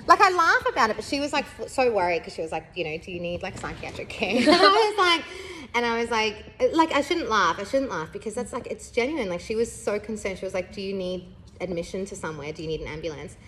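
A woman's voice: mid-range voice, expressive, fast, a bit bright, slight background noise. A young woman, chatting candidly as a podcast host, rambling with lots of fillers and laughing through heavy subjects. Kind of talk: casual candid chat.

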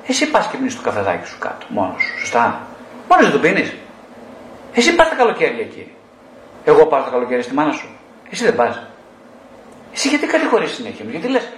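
Blunt animated male psychotherapist, echoey room. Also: fairly high pitch, slight background noise. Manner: blunt, lively, mockingly scolding; addresses listeners directly, with rhetorical questions. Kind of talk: talk to a group.

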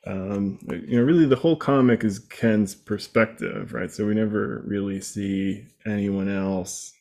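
A man with a fairly low, very mellow voice co-hosts a podcast. He recaps a comic book casually and with a wry, conversational manner. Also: fairly even intonation, a little slow. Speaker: podcast co-host.

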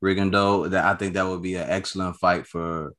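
A man co-hosting a boxing chat show, bantering in a relaxed way with joking slang. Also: sits low, fairly quick. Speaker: boxing podcast co-host. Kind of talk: casual sports chat.

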